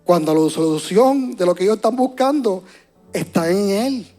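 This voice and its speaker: A man preaching a sermon to a church congregation, moving between hushed and loud passages and often repeating words as he searches for them. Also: sits high, expressive, normal speed, faint music behind. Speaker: pastor.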